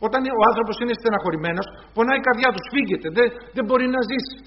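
A high-pitched man delivers a sermon, often turning to his listeners as brothers and acting out little dialogues as he speaks. The recording sounds dull and lo-fi. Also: slight background noise. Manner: retells scenes in quoted voices, addresses congregation as brothers. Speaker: preacher.

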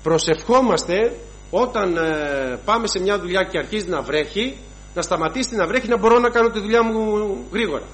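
A man's voice: high voice, lively intonation, fairly bright tone, rough recording. A man preaching a sermon to his congregation, emphatic and rhythmic, listing sins one after another and calling the listeners brothers.

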